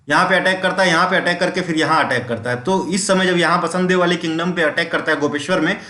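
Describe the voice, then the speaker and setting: A man's voice: on the high side, sharp tone. A man, giving a step-by-step exam-prep history lecture, asking questions and answering them himself. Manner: explains step by step, asks and answers own questions, keeps saying "ठीक है"; reads English quiz questions slowly, mixes English terms into Hindi. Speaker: exam coaching teacher. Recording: echoey room.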